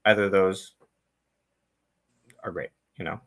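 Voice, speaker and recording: A man's voice: sits low, steady tone, a little slow, a bit bright. A man hosting a casual live-streamed interview, talking in an easygoing way with frequent filler words. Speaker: interview host.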